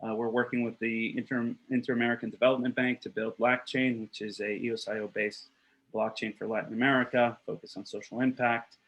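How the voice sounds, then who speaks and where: Over a webcam video call from a small indoor room with wooden shelves, a Costa Rican man in his thirties, earnest and blunt, gives an election pitch as a block producer candidate. His mid-range voice stays flat and even, moving fairly quickly, and he restarts phrases and fills gaps between points with "um" and "uh." The audio quality is poor.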